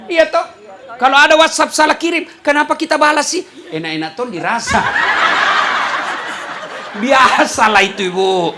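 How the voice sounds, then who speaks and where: A man's voice: very high voice, moderate pace, long pauses, crowd noise. A middle-aged man preaching a humorous sermon in an Indonesian Makassar accent, chuckling often and speaking straight to his listeners. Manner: joking, chuckling, addresses the audience directly. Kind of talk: humorous sermon to a live audience.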